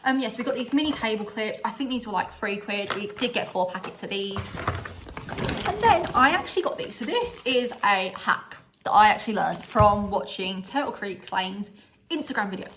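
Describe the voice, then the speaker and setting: In a casual vlog filmed at home before a styled background, a bubbly young woman chats through her holiday decor haul and often laughs at herself. She speaks at a normal speed with a medium pitch and lively intonation, over a noisy background.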